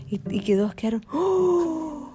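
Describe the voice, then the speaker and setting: A woman's voice: mid-range voice, normal speed, music in the background. Woman telling a children's story. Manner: animated, breaks into character voices and chants.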